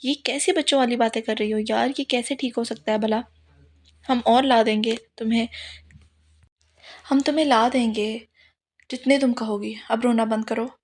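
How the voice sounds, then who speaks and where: A woman's voice: fairly high pitch, fairly even intonation, normal speed, pauses often, darkish tone. A woman voicing an impatient young man, irritated with his crying cousin. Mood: exasperated. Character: exasperated young man among family.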